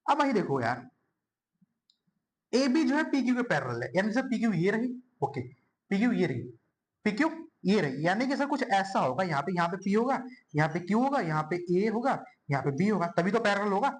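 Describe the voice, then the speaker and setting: A young man teaches a board-exam math lesson at a whiteboard, friendly and talkative, calling his students bhai and yaar and repeating words as he draws. His voice sits high, swings widely in pitch, and moves briskly.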